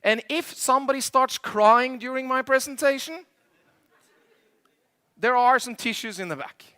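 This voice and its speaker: A man with a very high voice, speaking at a measured pace in a pushed, bright, smooth tone. He's a Norwegian conference speaker joking with a live audience from the stage, quizzing the crowd in slightly imperfect English during his presentation.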